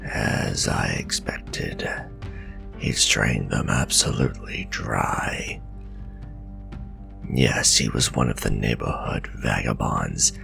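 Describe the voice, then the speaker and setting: A man playing a gruff, centuries-old werewolf vampire hunter, bitter and distrustful, growling grim, breathy warnings in a dramatic fantasy ASMR roleplay. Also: bright, forceful tone, heavily acted. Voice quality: very deep, gravelly, breathy growl. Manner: grim, scornful, slow and deliberate warnings. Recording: voice over clear background music. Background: music.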